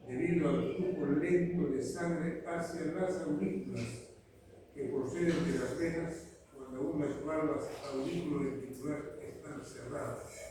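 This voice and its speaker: A man's voice: fairly high pitch, dark tone. A man giving a university lecture, walking through each point with rhetorical questions and frequent checks of "¿sí?". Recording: echoey hall from far off, noisy.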